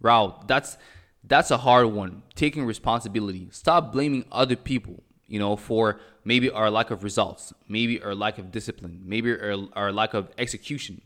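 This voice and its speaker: A man from Cameroon, raised in Montreal, hosting a motivational podcast in an energetic style and repeating phrases for emphasis. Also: fairly low pitch, moderate pace. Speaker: podcast host.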